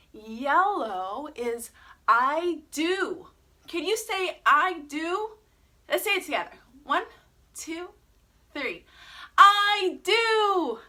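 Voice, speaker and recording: A woman's voice: high-pitched, pushed and bright. A woman teaching a live online yoga class for children, playful and encouraging, sometimes breaking into sing-song chants.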